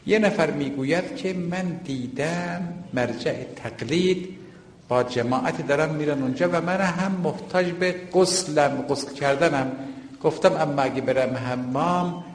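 A man delivering a storytelling sermon as a cleric, rising and dropping his voice sharply. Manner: storytelling preacher with sudden rises and drops in pitch. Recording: roomy hall with long echo.

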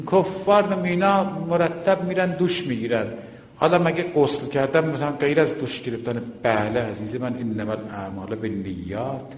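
A man delivering a storytelling sermon as a cleric, rising and dropping his voice sharply. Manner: storytelling preacher with sudden rises and drops in pitch. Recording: roomy hall with long echo.

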